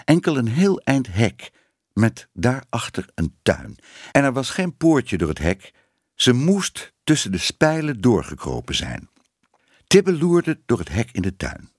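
A man's voice: on the low side, wildly swooping pitch, slow, husky, no room sound, clean studio sound. A man reading a children's story aloud as narrator, voicing the characters expressively.

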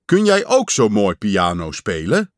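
A man's voice: on the low side, wildly swooping pitch, measured pace, no room sound, clean studio sound. A man reading aloud and voicing an eager, boyish storybook figure who calls out and pleads. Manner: calling out, pleading. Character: boyish male storybook friend, eager and showing off.

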